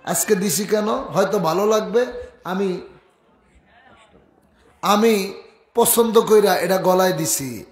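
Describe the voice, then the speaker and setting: A man preaching a sermon, telling a story slowly and shouting out to the crowd. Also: sits high, echoey room. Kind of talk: religious sermon.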